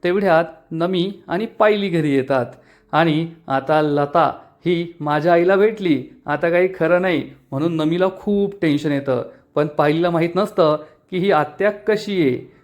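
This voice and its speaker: Male recap narrator, slightly high voice, steady scripted storytelling. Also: a little slow. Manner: steady storytelling, then quoting characters. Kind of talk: scripted episode retelling.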